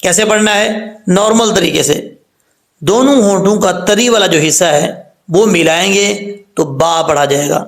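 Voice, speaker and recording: A man's voice: sits high, gravelly, reverberant, poor audio. A man with a Pakistani Urdu accent teaching Quran pronunciation step by step, patiently drawing out each letter sound and repeating it. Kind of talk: spoken tajweed lesson with drawn-out letter recitation.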